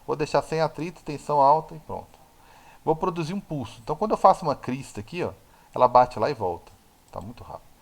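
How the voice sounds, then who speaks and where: A man's voice: a little high, lively intonation, fast talker, creaky. A man with a Brazilian Portuguese accent teaching a recorded physics lab lesson in a chatty way, correcting himself and checking in with listeners as he explains. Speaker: physics lecturer.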